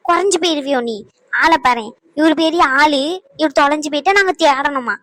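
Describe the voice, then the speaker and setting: A woman voicing a sharp-tongued old grandmother in a cartoon, nagging and sarcastic. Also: high voice, moderate pace, no echo. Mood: scolding. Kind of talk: cartoon voice acting.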